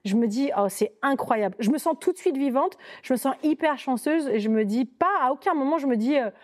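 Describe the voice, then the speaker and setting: A young woman telling her own dating story as a podcast guest, in a lively, chatty way with many fillers and quoted thoughts. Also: sits high, brisk.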